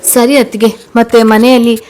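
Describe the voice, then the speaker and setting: A man's voice: extremely high pitch, flat delivery, moderate pace, darkish tone. A woman voicing a cheeky younger brother with a teasing manner.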